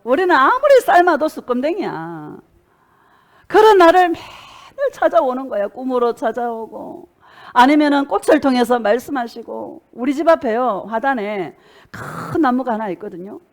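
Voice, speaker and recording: A middle-aged woman pastor preaching a sermon, reading scripture and then telling the story in an animated way, acting out quotes with bursts of laughter. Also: sits high, moderate pace.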